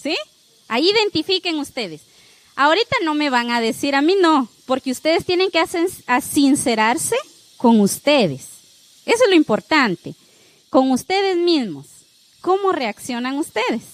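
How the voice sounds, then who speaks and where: A woman's voice: sits high, very animated, a little slow, poor audio. A woman teaching an online class, speaking straight to her listeners and checking in with "¿sí?" again and again. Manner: checks in with the listeners by asking "¿sí?" over and over; speaks straight to the audience with warm, coaching encouragement. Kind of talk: instructive talk to a class with a spiritual close.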